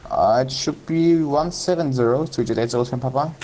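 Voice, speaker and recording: A man speaking as a pilot on a radio call heard through a cockpit headset, quick radio phrasing with some hesitant fillers. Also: medium pitch, mellow, a little hiss or hum. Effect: pilot radio call heard over a cockpit headset. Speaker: pilot calling air traffic control.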